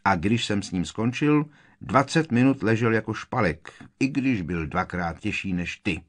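A man's voice: fairly low pitch, animated. A man voicing a sullen, sneering teenage bully who snaps and growls his retorts. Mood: taunting. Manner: sulky, snapping, growling retorts.

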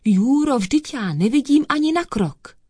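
A woman voicing an eager, loud male royal dog in a children's storybook, shouting in barking bursts. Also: fairly low pitch, big pitch swings, husky, dry recording, clean studio sound. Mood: anxious.

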